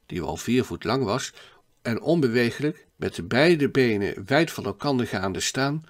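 A male narrator reads a classic adventure story aloud in a steady, measured way. His voice sits in an ordinary middle pitch for a man. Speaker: audiobook narrator. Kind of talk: scripted audiobook narration.

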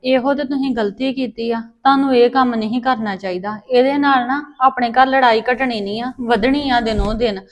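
A woman with a Punjabi accent, acting in a family drama, speaking soft and earnest. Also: a little high, steady tone, moderate pace, hardly any pauses.

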